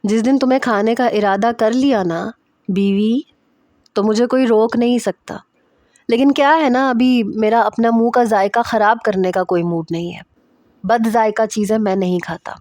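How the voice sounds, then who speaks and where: A woman's voice: fairly high pitch, steady tone, darkish tone, no room sound, close to an everyday voice. A stern young husband who talks down and taunts, his words clipped and curt, read out by a woman narrating the story. The reading is close and dry, with no room around it. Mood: taunting.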